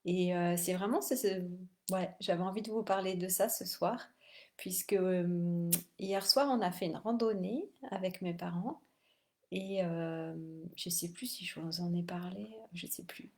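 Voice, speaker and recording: A woman hosting a casual live stream, speaking in a halting, thoughtful way with frequent pauses. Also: lowish voice, darkish tone.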